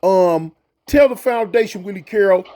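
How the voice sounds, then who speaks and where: A man's voice: high voice, normal speed, dark tone. A man hosting a casual live interview, emphatic and repeating points for stress. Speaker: interviewer, host.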